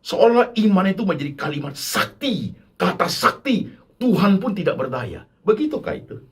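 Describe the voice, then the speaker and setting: A man's voice: high-pitched, sing-song, moderate pace, breathy edge. A man preaching a sermon as pastor, acting out quoted voices and mixing in English words.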